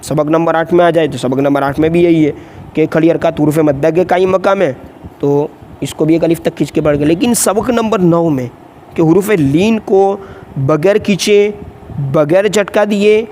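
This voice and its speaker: A man teaching a Quran reading lesson, explaining quickly and then chanting letter drills slowly and louder. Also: a little high, slight background noise. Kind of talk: tutorial lesson with slow drawn-out drill recitation.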